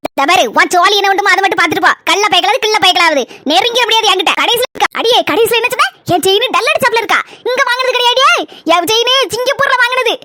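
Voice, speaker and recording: A woman voicing a vain sharp-tongued young wife. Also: extremely high pitch, fast, no echo. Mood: scornful. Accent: Kanyakumari Tamil. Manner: sharp-tongued, scornful, whiny. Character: vain pregnant young wife proud of gold chain. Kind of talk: comic cartoon voice acting.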